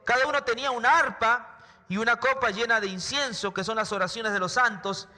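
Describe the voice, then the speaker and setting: A man's voice: extremely high pitch, steady tone, fairly quick, bright, forceful tone, long reverb tail. A man preaching a sermon in church, emphatic, often repeating words and asking rhetorical questions. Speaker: pastor. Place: church hall.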